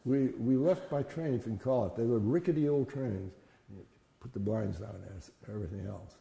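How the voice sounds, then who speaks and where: An elderly man shares memories in a plain, conversational storytelling manner that halts now and then. His voice is very soft-edged and dark, with a gravelly creak. The recording rings with the long reverb of an echoey room. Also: medium pitch, normal speed. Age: older, 70s or above. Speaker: interviewee recounting childhood memories. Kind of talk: conversational oral-history storytelling.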